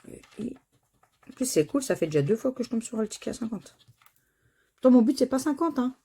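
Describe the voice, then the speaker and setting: A woman's voice: fairly high pitch, lively intonation, brisk, warm tone, husky. A woman chatting casually to viewers as she scratches tickets, spelling out letters one by one. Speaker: scratch-card vlogger.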